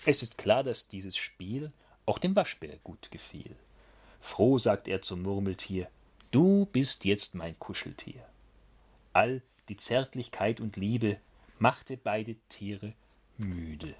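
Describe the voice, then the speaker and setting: Guy reading a rhyming kids story, slow and husky, lots of melody. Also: lowish voice. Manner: expressive, sing-song rhyming.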